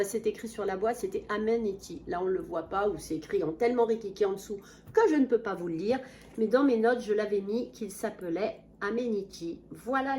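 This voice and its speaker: A woman's voice: mid-range voice, a little hiss or hum. Chatty woman vlogger reviewing perfumes. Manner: chatty and enthusiastic, many fillers and restarts, addresses viewers as friends. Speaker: beauty vlogger. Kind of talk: casual product review vlog. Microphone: camera mic at a small table.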